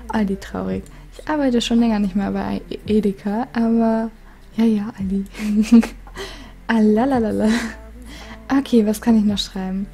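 A woman with a soothing, calm voice chats casually while reading letters from her viewers. Her tone is deeply mellow and warm, never sharp. She giggles often between lines. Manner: giggly, reads letters aloud with frequent laughs. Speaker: gaming YouTuber.

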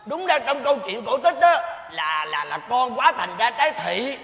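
A man's voice: very high-pitched, sing-song, moderate pace, vocal fry, full character voice. A man playing a small, fussy, self-pitying old male spirit, whiny and exaggerated in a live stage comedy. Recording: echoey stage hall with loud music.

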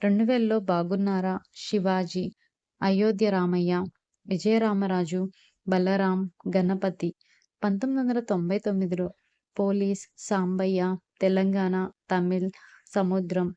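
A woman narrating a scripted biography, reading facts and long lists at a steady, even pace. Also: medium pitch, unhurried, smooth, no echo, dull audio.

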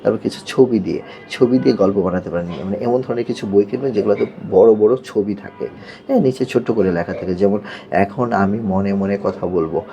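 A man's voice: fairly low pitch, quick pace, vocal fry, warm tone, highs cut off, slight background noise. A man, an occupational therapist patiently explaining techniques to parents and checking they follow. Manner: patient, repeats "yes" and checks "okay?".

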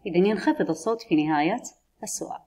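A woman with a low, husky voice teaches an English lesson. She reads the example phrases slowly and clearly, then rushes through her explanations. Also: mellow. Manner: switches between slow careful English model phrases and quick explanations.

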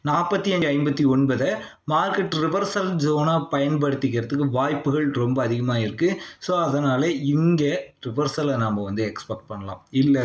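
A man with a Tamil accent giving a screen-recorded trading lesson. He walks the listener through the chart, reads out long lists of price figures, and keeps checking that the listener is following. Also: mid-range voice. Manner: explanatory, checks in with the listener often. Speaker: stock market trading teacher. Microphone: voice-over on a screen recording. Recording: roomy, muffled lo-fi sound.

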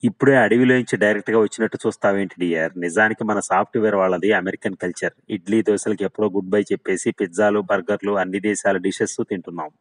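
A man's voice: fairly low pitch, steady tone, fast, hardly any pauses, lightly acted, low-quality recording. A man voicing a boastful, flippant young man who talks with swagger. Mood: bragging. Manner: swaggering, teasing.

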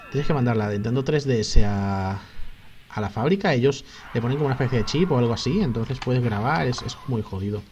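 A man's voice: mid-range voice, darkish tone, dull audio, a little hiss or hum. A man with a Spain accent giving casual let's play commentary, swearing in frustrated outbursts. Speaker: gaming youtuber.

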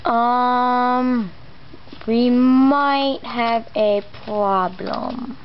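Here the let's play host speaks very slowly in a steady, mid-range voice, tossing out casual swearing and muttered exclamations while his R sounds come out slightly imprecise. The camera pointed at the monitor records muffled lo-fi sound with a noisy background.

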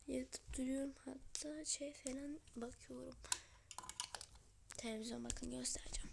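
High, hoarse woman vlogging from home. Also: background noise. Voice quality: breathy, half-whispered. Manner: chatty, talks straight to viewers. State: hoarse from a cold. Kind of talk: casual home vlog. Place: at home, indoors. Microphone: phone camera.

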